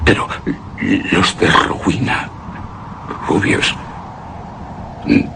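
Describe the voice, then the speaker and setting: In a Spanish-language gothic horror radio drama, a male actor with a low voice plays a terrified, anguished widower, delivering a monologue in an exaggerated, theatrical way. The mood is hushed horror as he speaks haltingly, repeating words and breaking into hushed gasps over background noise.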